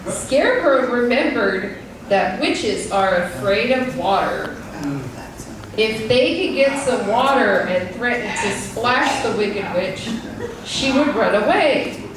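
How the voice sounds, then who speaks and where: Woman narrator for an amateur play, high voice, slow reading, distant echoey room with noise. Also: animated. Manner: prompts performers between lines. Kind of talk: reading a story aloud to an audience. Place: performance room. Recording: echoey room from far off, noisy.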